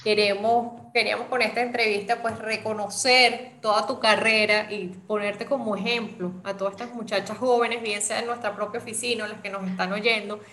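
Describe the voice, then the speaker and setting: A woman's voice: mid-range voice, fairly even intonation, normal speed, hardly any pauses, fairly bright tone, echoey room, a little hiss or hum. A woman hosting an interview, asking long questions and thanking her guest with effusive praise.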